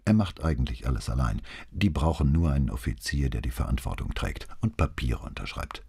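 A man reading the lines of a young woman army doctor in an audiobook, softly and measured. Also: extremely low pitch, sing-song, vocal fry, husky, heavily acted. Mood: earnest.

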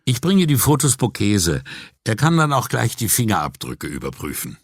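A man's voice: on the low side, wildly swooping pitch, normal speed, no room sound, clean studio sound, voice pushed up, heavily acted. A man voicing a stiff, dutiful police forensics chief.

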